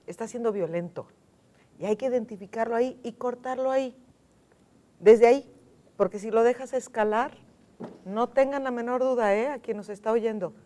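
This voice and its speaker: A Mexican woman speaking as a guest on a studio panel, emphatic, repeating key words and slowing down to stress them. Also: a little high, a little mellow. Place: television studio.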